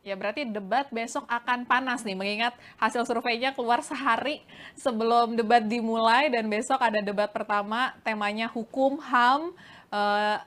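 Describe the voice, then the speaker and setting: Brief: female news host, friendly, conversational, bright higher pitch. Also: steady tone, normal speed. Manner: chatty, friendly questioning. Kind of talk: news interview hosting.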